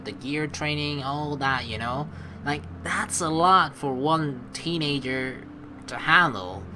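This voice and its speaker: A man with a fairly high voice hosts a let's play, rambling informally as he shifts between casual game commentary and dramatic readings of the story text. Game music and some background noise sit behind him.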